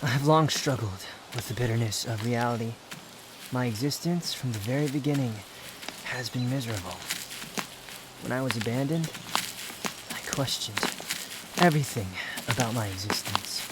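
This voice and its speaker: A man playing an aloof, brooding young male wanderer, haughty yet tender, in a measured, pensive roleplay ASMR monologue. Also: medium pitch, very noisy, natural voice. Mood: melancholy. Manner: measured, pensive, dramatic pauses.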